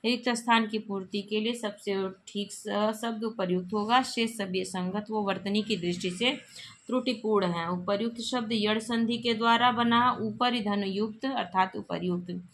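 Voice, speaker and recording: A woman's voice: medium pitch, fairly even intonation, normal speed, a bit bright, a little hiss or hum. A woman teacher works through exam-prep spelling questions in Hindi. She reads each question and then explains which form is correct. She repeats the correct forms plainly.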